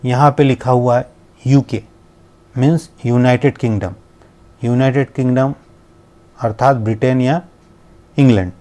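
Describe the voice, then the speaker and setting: A man teaches a lesson on pronunciation with a warm, relaxed voice. He explains patiently, mixing English terms into his Hindi and drawing out individual sounds of each word. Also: mid-range voice. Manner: explains in Hindi with English words mixed in, slowly spelling out sounds. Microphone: laptop screen recording.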